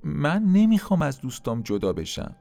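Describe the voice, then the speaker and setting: A man's voice: mid-range voice, sing-song. A man voicing an upset little orange fruit in a storybook tale, whiny and stubborn. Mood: upset, wailing. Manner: whiny and insistent.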